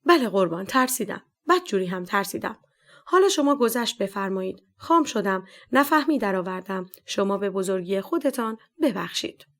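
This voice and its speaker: A woman voicing a meek middle-aged man who pleads and flatters an officer to be forgiven. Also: mid-range voice. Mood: pleading.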